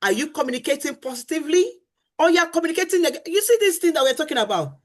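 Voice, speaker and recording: Animated and rapid-fire, a middle-aged woman with a fairly high voice teaches marriage on a faith-based talk show. She's earnest and emphatic, repeating her key phrases and playing out the complaints of husbands and wives.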